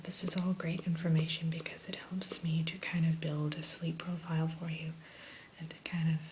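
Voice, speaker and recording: A woman in a whispered role-play as an attentive spa consultant, gently talking a client through questions and advice like a spa receptionist. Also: low-pitched, poor audio. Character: soothing, attentive female spa sleep consultant. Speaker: ASMR performer playing a spa sleep consultant. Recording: close whisper with background hiss.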